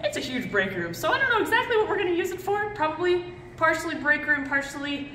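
A young woman hosting a casual vlog tour in an animated, excited way, speaking in an echoey empty building. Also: very high-pitched, quick pace. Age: young adult. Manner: animated, excited, projecting on camera. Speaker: host giving a building tour. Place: large empty indoor warehouse and bare rooms. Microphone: camera mic at a short distance. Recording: echoey empty warehouse and rooms, noise.

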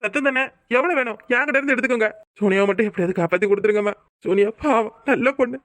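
A woman's voice: on the high side, rapid-fire, dry recording, close to an everyday voice. A woman voicing a devoted young husband in a cartoon who begs desperately to save his wife, with a southern Tamil Nadu accent. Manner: begging, emotional.

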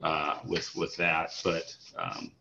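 A man's voice: rumbling low, lively intonation, takes it slowly, creaky, sharp tone, dull audio, a little hiss or hum. A man hosting an interview, reacting with enthusiasm and chatting casually with his guest. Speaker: interview host.

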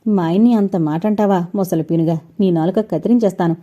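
A woman's voice: lowish voice, a little fast, mellow, close to an everyday voice. A woman voicing a spiteful, greedy woman with a snappish, insulting manner in a dull lo-fi recording.

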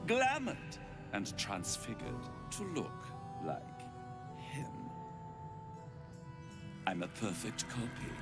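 Slow, gravelly, seductive incubus. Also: male voice, mid-range voice, heavily acted. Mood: seductive, commanding. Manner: theatrical, drawn-out, purring with whispered asides. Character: seductive male incubus demon, sly, teasing, menacing. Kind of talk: video game voice acting. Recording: music behind the voice. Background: game music.

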